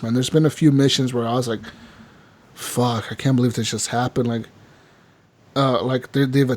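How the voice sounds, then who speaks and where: A man co-hosting a casual gaming podcast, telling animated stories full of swearing and constant filler words. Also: medium pitch. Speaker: podcast co-host.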